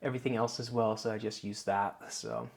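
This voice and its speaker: Brisk and on the low side, this relaxed Dutch YouTuber talks straight to camera in his home office. He's recorded indoors on a wireless clip-on mic, and his explanations ramble with many filler "uh"s.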